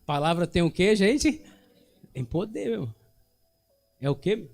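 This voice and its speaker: A man with a Brazilian Portuguese accent preaching a sermon, telling stories and swinging between booming lines and hushed asides. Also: very animated, slow. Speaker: bishop preaching. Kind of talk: sermon with anecdotes.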